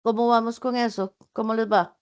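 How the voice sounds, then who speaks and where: A woman's voice: fairly high pitch, steady tone, moderate pace, smooth. A woman in an online class meeting, explaining writing to her students in a patient, explanatory way with frequent fillers and self-corrections. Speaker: university teacher.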